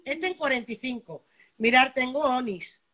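Chatty bright-voiced woman selling live. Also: high voice, expressive, normal speed. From Spain. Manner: chatty, keeps asking "vale", greets viewers by name. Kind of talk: live-stream sales pitch.

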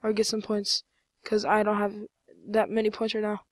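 A woman giving casual, rambling commentary over her own gameplay, full of fillers and sudden excited outbursts. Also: medium pitch, normal speed, dry recording.

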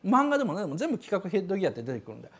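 An older man talks fast in a casual commentary, his pitch leaping up and down as he acts out lines of dialogue. His voice is husky and a little rough. He chuckles now and then between points. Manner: animated, acts out quoted dialogue in raised voices; chuckles while talking. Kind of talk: casual spoken critique.

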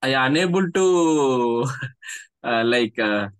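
A man in his thirties with a Tamil accent answers interview questions haltingly, searching for words, over a video call. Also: mid-range voice, lively intonation, clear, resonant tone, no room sound. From Tamil Nadu, India. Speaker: guest, career counsellor. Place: small indoor room, video call.

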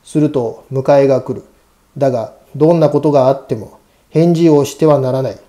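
Grave, protective head priest for a ghost storybook, played by a male narrator: stern admonishing delivery, very dark mellow tone. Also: medium pitch, fairly even intonation, a little fast, natural voice. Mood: stern warning. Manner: grave, admonishing, old-fashioned speech.

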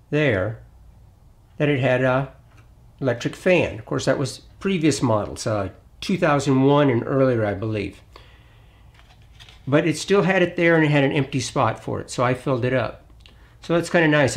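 Easygoing man walking through a repair. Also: mid-range voice. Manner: relaxed, plainspoken, thinks aloud while working. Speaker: DIY auto repair channel host. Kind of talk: hands-on repair tutorial.

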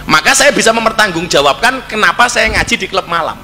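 Man, Javanese accent, preacher, jokey and teasing, high-pitched, very bright ringing tone. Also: animated, fairly quick, long reverb tail, soft background music. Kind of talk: humorous religious talk.

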